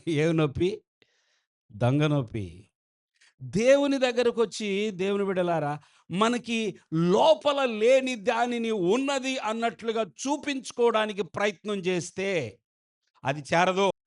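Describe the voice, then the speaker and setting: Slow-preaching, fairly high-voiced male pastor. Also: lively intonation. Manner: slow, emphatic preaching, mixing in English phrases and asking the congregation questions. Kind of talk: sermon. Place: church.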